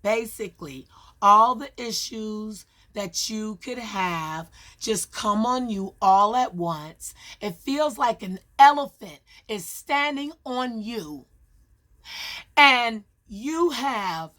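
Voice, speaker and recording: A woman talking straight to her viewers in an earnest, emphatic way, with long pauses between short phrases as she shares hard-won advice. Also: on the high side, pushed and bright. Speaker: vlogger sharing her experience. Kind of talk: personal advice monologue.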